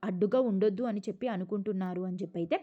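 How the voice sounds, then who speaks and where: A woman voicing an angry, jealous young woman from a TV serial who complains in shrill, accusing bursts. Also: fairly even intonation, racing, highs cut off, close to an everyday voice. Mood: resentful.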